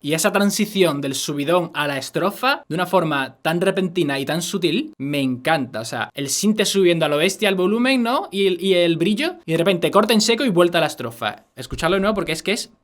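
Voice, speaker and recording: Enthusiastic Spaniard breaking down a song. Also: male voice, high voice, lively intonation, brisk, hardly any pauses, a bit bright. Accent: Spain Spanish. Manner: enthusiastic, chatty, slangy. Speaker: music analysis host. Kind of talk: casual explanatory commentary. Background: song playing underneath.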